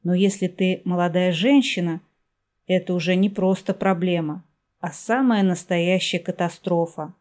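With a fairly low-pitched voice, a female audiobook narrator reads a story from a script. Her delivery stays measured and even, like classic storytelling.

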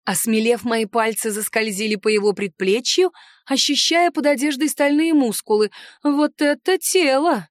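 A woman narrating a first-person novel as an audiobook, in an expressive, playful manner with character voices. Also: fairly high pitch, normal speed, dry recording, studio quality.

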